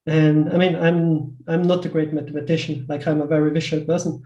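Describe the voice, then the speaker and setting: In dull, echoey audio, a pixel artist with an Austrian accent from Western Austria talks as an interview guest. His fairly high, mellow voice moves a little fast with little change in pitch, and his casual speech hesitates and loops, full of repeated words and "like" asides.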